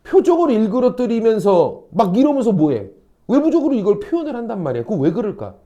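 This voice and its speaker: A male academy teacher lecturing high school students, animated and constantly checking in with questions. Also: fast, muffled recording. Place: classroom.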